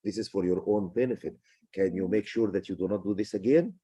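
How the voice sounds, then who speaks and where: A man voicing a sensible mother who calmly explains a punishment to her child, with a husky voice. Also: low-pitched, brisk, lo-fi sound, voice pushed down. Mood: firm. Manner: calm, instructive.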